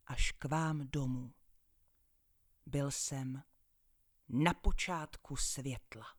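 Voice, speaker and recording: Expressive woman reading a children's story. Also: low voice, no echo, studio quality. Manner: expressive, playful storytelling with dramatic hushes. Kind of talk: first-person children's story narration.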